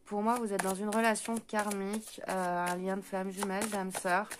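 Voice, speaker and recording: A woman with a French accent doing a spoken card reading for viewers. She talks fast, trips over her words and fills pauses with hesitant sounds. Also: medium pitch, flat delivery, background noise. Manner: talks fast and stumbles, many hesitant fillers. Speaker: intuitive card reader.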